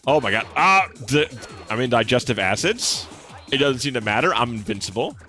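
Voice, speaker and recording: A young man streams a game and chats casually with viewers, laid-back and sprinkling in swear words, with a slight lisp. His relatively deep voice swings widely in pitch at normal speed, sounding pushed and bright over soft background music.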